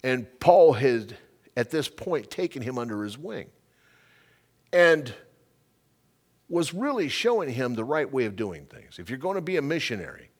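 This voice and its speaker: Brief: middle-aged male pastor mid-sermon. Emphatic and animated, with a very lively pitch. Repeats key lines for stress. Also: moderate pace, long pauses.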